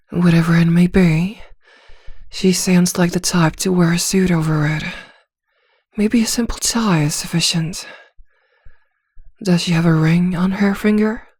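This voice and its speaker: In a close-miked, dry ASMR roleplay, a woman plays a vampire pretending to be a therapist, leading a slow guided hypnosis. Her fairly low voice is soft and breathy, often slipping into a whisper, and she is soothing with a quiet command. The performance is exaggerated, her character calm, teasing and controlling.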